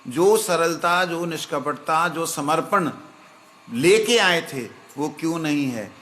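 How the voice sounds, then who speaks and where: A man giving a slow, reflective devotional talk as a spiritual teacher, now and then breaking into chanted verses. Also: a little high, a bit bright, a little hiss or hum. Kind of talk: devotional discourse.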